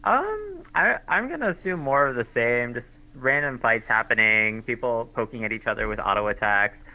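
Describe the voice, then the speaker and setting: A man gives color commentary on a live esports match in a very bright, sharp voice. His delivery is casual and hesitant, full of fillers as he works through his thoughts. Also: medium pitch, moderate pace, low-quality recording.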